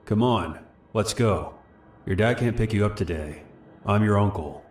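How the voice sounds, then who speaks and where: A man's voice: lowish voice, a little slow, echoey room, lightly acted. A man doing a stern, pushy stranger. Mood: coaxing. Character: stern impatient male stranger luring a child.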